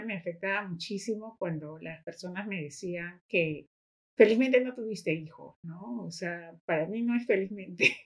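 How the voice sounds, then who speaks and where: A woman, a guest on a podcast, chatting casually and telling stories while tagging her sentences with little questioning asides. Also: medium pitch. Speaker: guest, educator and activist.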